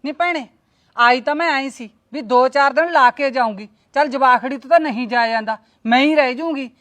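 A woman's voice: high-pitched, fairly quick, fairly bright tone. A woman playing a scolding, indignant aunt. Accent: Punjabi. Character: sharp-tongued visiting aunt, middle-aged woman.

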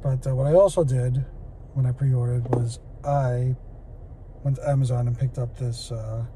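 Speaking at a normal speed in a mid-range voice, a man in his forties casually reviews a toy from his parked car. He's relaxed and chatty with many fillers, and the arm's-length phone camera picks up background noise.

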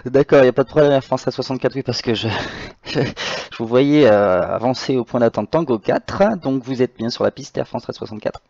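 Male tower controller issuing radio clearances, average-pitched voice, slightly dull channel. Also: brisk, a little mellow, a little hiss or hum. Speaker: tower air traffic controller. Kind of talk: air traffic control radio phraseology.

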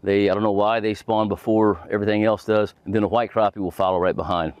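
Folksy man, low voice. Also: little pitch movement, quick pace, darkish tone, clear, resonant tone, no room sound. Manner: folksy, rambling, full of fillers. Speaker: fishing channel host. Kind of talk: casual instructional talk. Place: outdoors on a boat on a lake.

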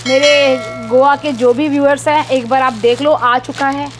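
A woman in her thirties, a shop owner in a clothing warehouse, briskly pitching her stock and deals. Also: steady tone, faint music behind. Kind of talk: sales pitch. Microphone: lapel mic.

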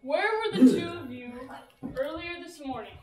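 A woman playing a brisk, high-voiced detective. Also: lively intonation. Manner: brisk, questioning. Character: brisk female police detective. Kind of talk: amateur school stage comedy. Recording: echoey room.

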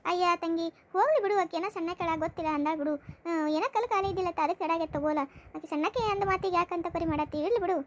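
A woman voicing a calm middle-aged in-law mother with a North Karnataka accent who tries to placate everyone. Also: very high voice, rapid-fire, slight background noise. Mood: soothing. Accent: North Karnataka Kannada. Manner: soothing, placating.

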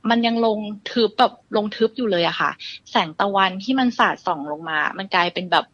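A woman's voice: medium pitch, animated, fairly quick, fairly bright tone, muffled recording. A young adult woman calling in to share a ghost story, talking casually with lots of polite fillers and often addressing the host. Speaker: caller sharing a ghost story.

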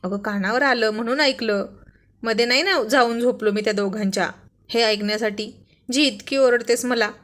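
A woman's voice: fairly high pitch, moderate pace, a bit bright, natural voice. A woman voicing a playful, teasing young husband in a read-aloud story. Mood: affectionate. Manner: teasing, affectionate.

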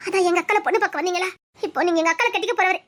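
A woman voices a frightened young college student in emotional audio-drama acting. Her voice is very high, quick and fairly bright, and she sounds torn and anxious the whole way through.

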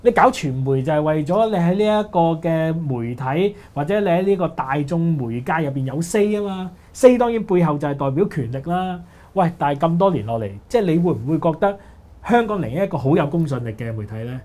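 A man with a Hong Kong Cantonese accent, co-hosting a casual panel talk show, brisk and opinionated. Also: fairly high pitch, animated, mellow. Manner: brisk, opinionated, says "喂" often. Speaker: co-host.

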